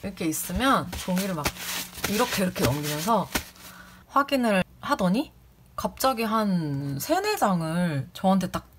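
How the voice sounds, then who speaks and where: A woman's voice: medium pitch, big pitch swings, moderate pace, background noise. Woman telling an indignant story. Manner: indignant, acts out quoted people in raised voices. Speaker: former community office clerk. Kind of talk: casual personal storytelling.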